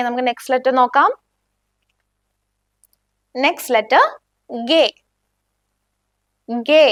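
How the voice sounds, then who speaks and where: High-voiced, slow Malayali woman teacher. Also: a bit bright, no echo, clean studio sound. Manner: repeats each word slowly, asks learners to repeat along. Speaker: language teacher. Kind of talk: slow beginner language lesson.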